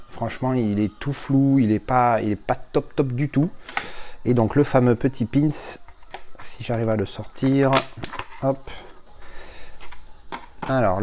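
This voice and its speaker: A man's voice: medium pitch, warm tone. A man giving casual unboxing commentary, chatty and hesitant, with many fillers and restarts. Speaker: video host unboxing a film edition.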